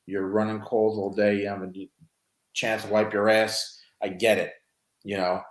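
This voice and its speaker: A man's voice: on the low side, flat delivery, normal speed. Chatty man in a roomy room. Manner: conversational, with frequent "you know" and restarts. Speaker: podcast host. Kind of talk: casual chat. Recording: roomy echo.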